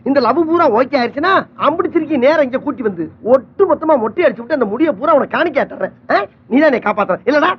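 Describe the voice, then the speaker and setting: A man's voice: very high voice, animated, quick pace, a little hiss or hum. An actor playing a cheeky, boastful comic man who mocks those around him in an exaggerated film comedy style. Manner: mocking, exaggerated comic delivery. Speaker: comic sidekick character. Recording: dull film soundtrack over music.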